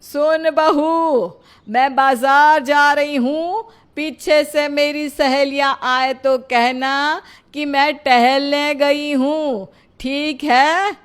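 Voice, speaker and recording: A woman voicing a loud, complaining middle-aged mother-in-law in a cartoon, scolding and wailing at her daughter-in-law. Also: sits high, lively intonation, a little slow, creaky, heavily acted. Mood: loud commanding. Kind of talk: cartoon voice acting.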